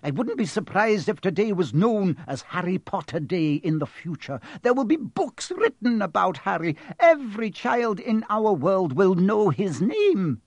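A man's voice: fairly high pitch, lively intonation, slow, hardly any pauses, no echo, muffled recording. A man voicing a stern, agitated older woman professor in an audiobook, emphatic and indignant. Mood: disbelieving, insistent. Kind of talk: audiobook character voice.

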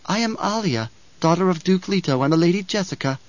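A man doing an eerily calm child girl. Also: high voice, brisk, no echo, pitched above the performer's own voice. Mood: cool defiant. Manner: calm, precise, unsettling. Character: eerily composed young girl, cold and fearless. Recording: dull lo-fi audio.

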